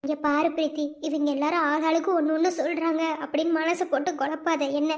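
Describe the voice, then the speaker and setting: A woman's voice: high voice, flat delivery, fast, lightly acted. A woman doing a reproachful cartoon girlfriend. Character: young woman friend scolding a distraught friend. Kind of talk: cartoon voice acting.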